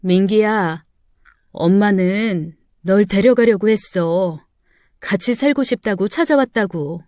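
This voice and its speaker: A woman voicing a gentle middle-aged mother who speaks softly and apologetically in a story. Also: mid-range voice, slow pace, no room sound, studio quality, pitched above the performer's own voice, lightly acted. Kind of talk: storytelling narration.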